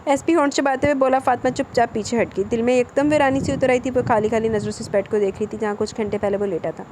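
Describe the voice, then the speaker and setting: A woman's voice: on the high side, steady tone, darkish tone, slight background noise. Woman reading a novel. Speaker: narrator. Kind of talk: novel audiobook reading with spoken asides.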